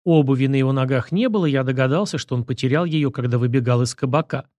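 Guy narrating an audiobook, steady, mid pitch, super dry mic. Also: quick pace, no echo. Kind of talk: scripted first-person narration.

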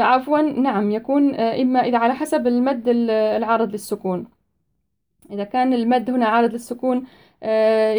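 A woman teaching Quran recitation rules, reciting verses slowly in a chanted style and explaining each rule plainly, with frequent hesitant fillers. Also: on the high side, darkish tone.

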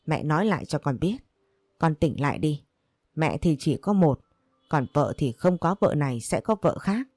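A woman's voice: low voice, animated, moderate pace, a little mellow, no echo, clean studio sound. A woman voicing a bitter, controlling older mother who scolds her son and pities herself. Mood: scolding. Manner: scolding, self-pitying.

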